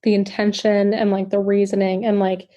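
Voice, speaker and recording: A woman's voice: medium pitch, little pitch movement, warm tone, highs cut off. A woman in her twenties, a podcast guest in casual chat, reflective and full of fillers. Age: 20s. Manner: reflective, filler-heavy, quick agreeing interjections.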